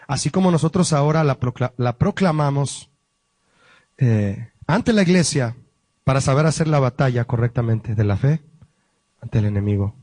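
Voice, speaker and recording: A man, a pastor, teaching a Bible study lesson, explaining word meanings slowly and asking the listeners questions. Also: fairly high pitch, a little mellow, no room sound.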